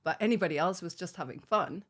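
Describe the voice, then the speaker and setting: A middle-aged Finnish woman with a Finnish accent and a lowish voice talks fast and candidly about her recovery as a podcast guest. She laughs often between phrases while sharing her personal story.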